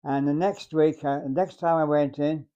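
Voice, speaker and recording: A hundred-year-old man, a war veteran telling his memories in a halting, deliberate way. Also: on the high side, steady tone, dark tone, dull audio. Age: 100. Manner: halting, deliberate, acts out remembered dialogue. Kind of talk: unscripted reminiscence, storytelling.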